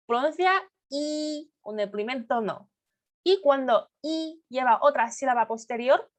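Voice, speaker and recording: A woman teaching a language lesson, speaking slowly and patiently and repeating syllables with exaggerated tones. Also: sits high. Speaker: Mandarin teacher.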